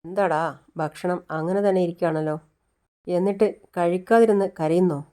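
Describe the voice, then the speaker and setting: A woman's voice: on the low side, steady tone, normal speed, mellow, lightly acted. A woman voicing a worried grandmother. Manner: worried, questioning.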